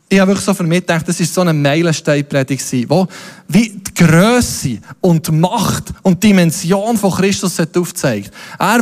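A man preaching a sermon, telling stories with playful asides. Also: sits high. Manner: lively storytelling with playful asides. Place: church hall. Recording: long hall reverb.

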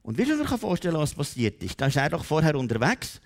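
A man preaching, his voice pitched a little high and leaping all over its range. He swings from loud, raised peaks down to soft, low asides, driving each point home. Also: wildly swooping pitch, quick pace. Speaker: pastor. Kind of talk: sermon. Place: church.

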